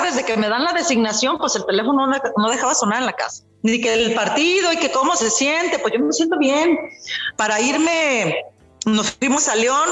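A middle-aged woman with a Mexican Spanish accent, a guest telling her story in a casual interview, lively and boastful, acting out what others said. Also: high-pitched, reverberant. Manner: lively, boastful storyteller who acts out quoted dialogue.

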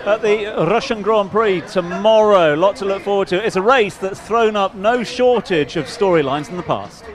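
A male sports show host leads a live discussion in a slightly high voice. A crowd can clearly be heard behind him. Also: normal speed. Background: crowd chatter at a live venue.

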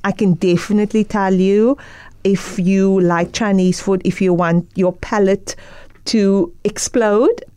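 A woman hosting a live radio show in a studio, chatty and excitable, laughing often. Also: mid-range voice, a little slow, smooth, no room sound. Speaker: radio talk show host.

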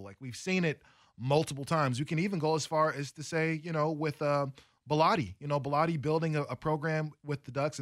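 A man's voice: mid-range voice, fairly bright tone, no room sound, clean studio sound. A man co-hosting a sports radio show, talking through football in a rambling, chatty way with lots of fillers. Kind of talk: casual sports radio talk. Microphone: studio mic.

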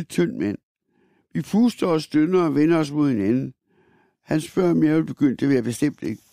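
A man reads a first-person literary piece in a measured, wry voice with a gravelly edge. His tone is dark and mellow, though his pitch sits a little high for a man. The recording is dry and close. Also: no echo.

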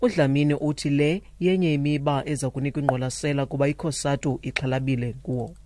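A South African man reads a scripted radio bulletin at a fast clip. His pitch is medium and the studio sound is dry and close. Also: steady tone, a little mellow, no echo. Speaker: news reader.

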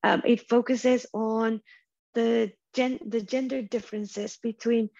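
Hoarse, raspy woman on a podcast. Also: fairly high pitch, steady tone, slow, a little mellow, no room sound. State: hoarse, losing her voice while unwell. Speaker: podcast guest, venture capital professional. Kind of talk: casual interview conversation. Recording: dull, lo-fi audio.

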